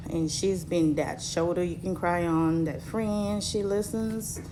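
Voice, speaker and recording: Recovering from surgery, this vlogger, a woman in her thirties from Cameroon, recounts her personal experience to her audience. Her delivery is hesitant and full of fillers, her voice fairly low and steady, and there is noise behind her.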